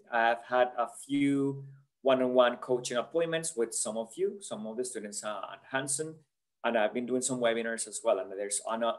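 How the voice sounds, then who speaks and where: Over a video call, a Colombian man who works as a career counsellor gives an online webinar in a medium-pitched voice. He comes across as earnest and chatty, often tossing in "yeah?" and "right?"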